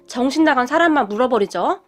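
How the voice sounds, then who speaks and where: A man's voice: very high-pitched, animated, fast, fairly bright tone, faint music behind, heavily acted. A woman voicing a playful young adult brother-in-law who jokes about his mother. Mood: teasing. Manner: playful, joking, exclaiming.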